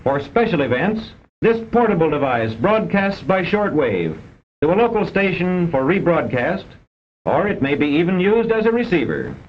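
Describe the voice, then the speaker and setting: Sing-song and moderately paced, a man narrates a vintage educational film from a script. He's formal, precise and instructive, heard over a dull soundtrack with a rumbling background.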